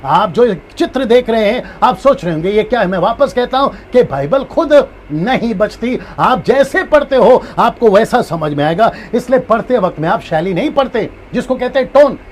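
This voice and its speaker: Male pastor, high-pitched voice, repeats each point, faint ambient noise. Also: expressive, normal speed, hardly any pauses. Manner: repeats key points, acts out tones of a phrase. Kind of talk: live-streamed Bible teaching.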